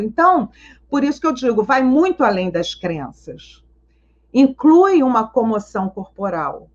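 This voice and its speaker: A woman psychologist teaching in a live online Q&A, animated and teacherly, telling anecdotes and asking rhetorical questions. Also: a little high, dull audio. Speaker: psychologist and schema therapy teacher.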